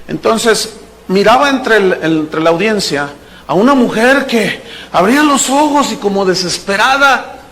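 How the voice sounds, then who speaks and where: A man preaches in a high, bright register. His sermon is animated and playful, and he often slips into little acted-out voices for the people in his stories. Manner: animated, playful preaching, acts out characters and jokes. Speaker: pastor.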